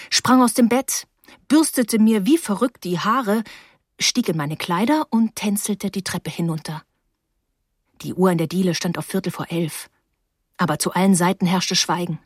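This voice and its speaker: A woman reading a first-person novel aloud in a steady, expressive storytelling manner. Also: lowish voice, breathy edge, dry recording, studio quality. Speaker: audiobook narrator.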